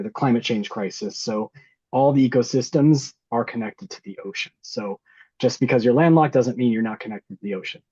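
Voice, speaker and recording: Husky-voiced man on a dull video call. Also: medium pitch, dark tone, dry recording. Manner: friendly, thinking aloud with fillers. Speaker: expert panelist. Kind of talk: casual explanation on a video call.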